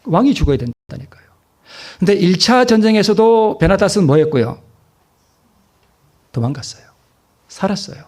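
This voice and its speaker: A man's voice: high voice, big pitch swings, moderate pace, pauses often, darkish tone. A male pastor preaching a sermon, asking the congregation questions and answering them himself, and repeating key phrases for emphasis.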